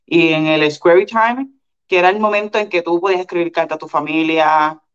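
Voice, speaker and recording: A woman guest in a casual interview who tells her story in an animated way, often restarting and repeating words. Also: fairly low pitch, brisk, clear, resonant tone. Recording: dull lo-fi sound.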